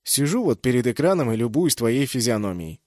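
A man's voice: medium pitch, big pitch swings, fairly quick, darkish tone, no echo, studio quality, natural voice. A man voicing a wry, bold, teasing male spaceship captain in an audiobook. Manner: brash, teasing. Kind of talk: audiobook character voice.

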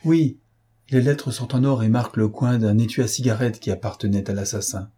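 A man's voice: mid-range voice, steady tone, brisk, warm tone, breathy edge, natural voice. A man reading an audiobook, voicing a commanding male police chief who presses and gives orders. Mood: probing. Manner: urgent, commanding.

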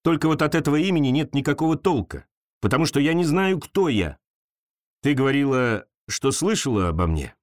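A man voicing a naive, lonely swamp creature with big paws, talking slowly and with wonder. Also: animated, no echo, studio quality, lightly acted. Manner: slow, wondering, low-pitched.

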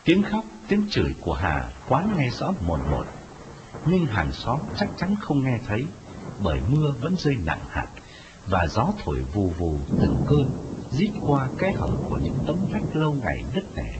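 A man narrating a dramatic story in a scripted, expressive telling. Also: medium pitch, normal speed, background noise. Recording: dull lo-fi audio with music. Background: music.

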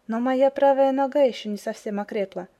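A woman's voice: sits high, brisk, warm tone, highs cut off, pitched above the performer's own voice. A woman voicing a polite, cheerful young woman runner.

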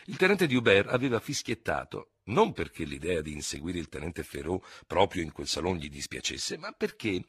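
A man narrating a classic novel as an audiobook, in an expressive, theatrical reading style on a close studio mic. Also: lowish voice, breathy edge, no echo. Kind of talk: scripted literary narration.

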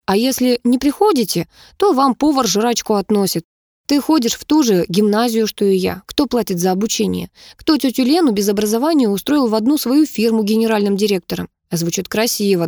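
A sharp, bitter teenage girl, as a woman reading a story puts her on speaks with mocking scorn and a lifted pitch. The recording is dry and close, with no room sound. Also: no echo.

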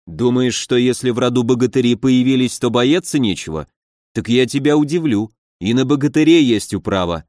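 A man's voice: mid-range voice, brisk, darkish tone, no echo, clean studio sound, natural voice. A man voicing a reproachful older mentor in an audiobook, lecturing sternly.

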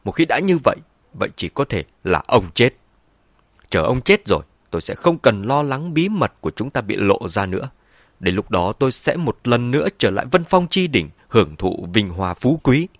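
Male narrator doing a two-faced scheming woman, ruthless, lively pitch, dry recording. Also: normal speed, no room sound. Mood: menacing. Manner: shifts between cold menace and false wailing. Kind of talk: audiobook character voice.

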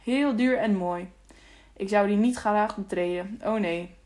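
A woman's voice: mid-range voice, a little slow, a little mellow, natural voice. A woman reading as a sour scruffy old man. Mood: disapproving. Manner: sour, warning tone. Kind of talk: audiobook character reading.

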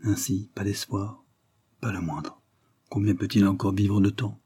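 Man voicing a young woman nurse, devoted, pleading, low husky tone, dry sound. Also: normal speed, darkish tone, no room sound. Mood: hushed.

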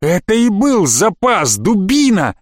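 A man voicing a blunt, practical teenage boy in an audiobook, curt and quick to yell. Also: on the high side, very animated, no echo, clean studio sound. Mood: angry. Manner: blunt, shouting when angry. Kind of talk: audiobook character voice.

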